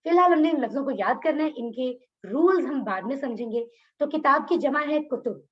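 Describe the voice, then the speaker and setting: Woman teacher with a high voice, explains step by step and quizzes the class, dull lo-fi call audio. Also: expressive, brisk, fairly bright tone. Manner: explanatory, asks the class questions. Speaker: Quran teacher. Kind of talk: online class lecture. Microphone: video call.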